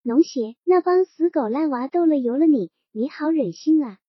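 A woman's voice: high-pitched, expressive, moderate pace, dry recording. A woman doing a sly, menacing township chief. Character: scheming male township chief, smug and menacing. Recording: dull lo-fi recording.

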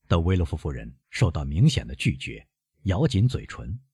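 A man reads a classic novel aloud in a low, husky voice that rises and falls widely with the story. The reading is measured and expressive, and the sound is close and dry with no room echo. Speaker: narrator. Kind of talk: audiobook narration of a classic novel.

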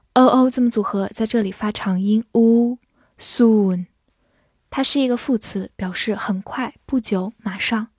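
A woman teaching English vocabulary, who spells out words and reads example sentences slowly for learners to repeat. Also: a little high, a little mellow, slightly rough, no echo, studio quality. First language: Chinese. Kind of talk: vocabulary lesson narration.

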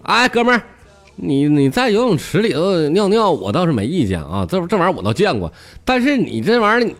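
A man's voice: high-pitched, very animated, fairly quick, voice pushed up. A man voicing an exasperated male pool attendant, with a Northeastern Chinese accent and an incredulous, chiding tone.

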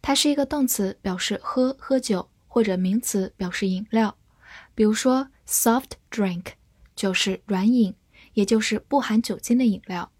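A woman, an English teacher giving a scripted vocabulary lesson, spelling words and reading model sentences slowly and clearly. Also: mid-range voice, darkish tone, no room sound, clean studio sound.

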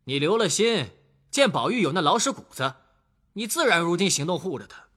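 An actor playing a hot-headed, blunt and quarrelsome young man in an audio drama, loud and blustering with a husky edge. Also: high voice, very animated, brisk, exaggerated voice. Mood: angry.

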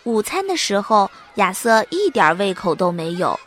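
A woman narrating a children's story in an expressive, animated way. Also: mid-range voice, moderate pace, a little hiss or hum.

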